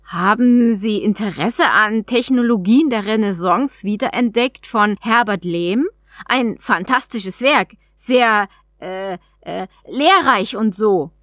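A woman's voice: mid-range voice, slow pace, a bit bright, dry recording, studio quality. A woman voicing a hesitant young boy who stammers and sounds unsure of himself. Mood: pitching.

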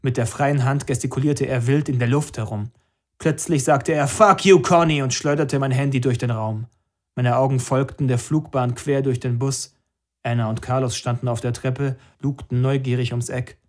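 A man's voice: mid-range voice, fairly even intonation, moderate pace, darkish tone. Male narrator, first-person audiobook reading, dry and understated.

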